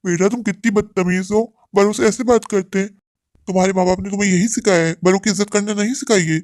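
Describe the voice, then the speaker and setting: A voice actor playing a poor street grape seller, a worried father, calling out in slow sing-song hawker cries. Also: medium pitch, steady tone, darkish tone, no echo, clean studio sound, natural voice. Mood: offended. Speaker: street vendor calling out wares.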